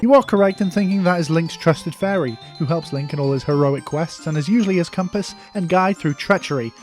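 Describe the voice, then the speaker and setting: A man's voice: on the high side, a little fast, darkish tone, faint music behind. A man narrating a comedic cartoon retrospective, sarcastic and mocking. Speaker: video reviewer.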